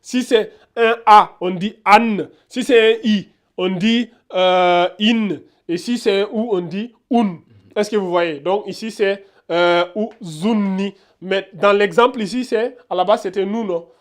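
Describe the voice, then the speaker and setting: A man's voice: high-pitched, measured pace, hardly any pauses. A man giving a casual beginner lesson, repeating sounds and often checking that viewers follow. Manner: repetitive, checks understanding often. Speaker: Arabic teacher.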